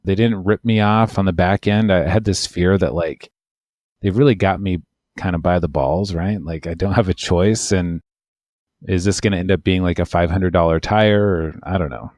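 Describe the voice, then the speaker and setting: A man's voice: deep voice, fairly even intonation, moderate pace, a little mellow, no room sound, studio quality. A man, an immigration lawyer, telling a long, wry, rambling story in casual podcast chat.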